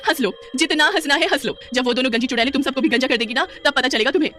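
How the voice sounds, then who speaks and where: A woman voicing a loud, frightened village wife in a cartoon who wails and pleads shrilly. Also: fairly low pitch, steady tone, brisk, lightly acted. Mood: indignant.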